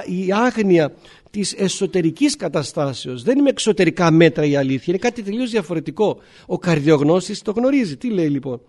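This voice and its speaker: A male priest with a fairly high, slightly mellow voice preaches a sermon. He works through scripture using rhetorical questions and frequently clears his throat as he speaks.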